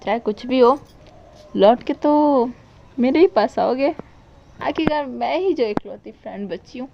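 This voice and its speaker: A woman's voice: high voice, animated, measured pace, gravelly, dull audio, slight background noise, pitched above the performer's own voice, exaggerated voice. Woman doing a teasing, chatty young woman. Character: playful, lonely young woman missing her girlfriend.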